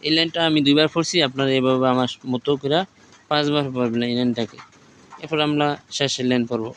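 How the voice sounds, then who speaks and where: A man teaching the Arabic alphabet, reciting each letter slowly and drawn out, patient and repetitive. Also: medium pitch, fairly even intonation, fairly bright tone, slight background noise. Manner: slow, patient, repeats each line.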